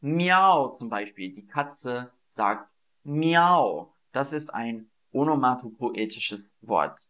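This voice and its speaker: A man teaching German in a livestream, repeating questions slowly and playfully acting out sound words for his viewers. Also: medium pitch, lively intonation, fairly bright tone. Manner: slow, drawn-out teaching delivery with repeated questions. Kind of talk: livestreamed language lesson. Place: Berlin.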